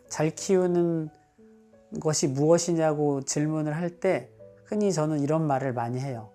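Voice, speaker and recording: A male psychiatrist calmly explaining advice for parents, now and then acting out what a parent or child would say. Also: fairly high pitch.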